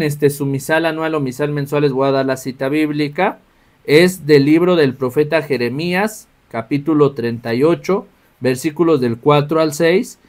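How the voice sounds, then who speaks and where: Man, patient step-by-step teacher, fairly high voice, workshop style. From Mexico. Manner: patient, explains step by step, checks in with "¿sí?". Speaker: lector trainer.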